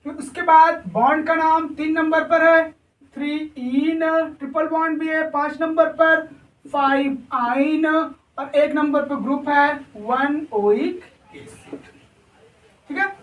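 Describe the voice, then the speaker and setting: A man teaching a chemistry lesson in a high voice, with the sound of a bare, echoing room. He is a bit far from the microphone. He poses questions to the class and answers them himself. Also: fairly even intonation, takes it slowly, fairly bright tone. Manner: checks in often with the class. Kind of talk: classroom lecture at a whiteboard. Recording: echoey room, voice far from mic.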